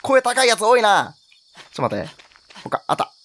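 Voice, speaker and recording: Jumpy, wildly animated male game commentator. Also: high voice, fairly quick. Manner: jokey, yelps and exclaims at scares. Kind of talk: horror game let's play commentary.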